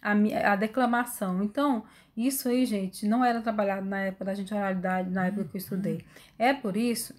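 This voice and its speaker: A woman's voice: mid-range voice, fairly even intonation, a little fast. Woman lecturing an online class. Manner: reads lists aloud, explains with fillers and restarts. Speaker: university lecturer. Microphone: phone.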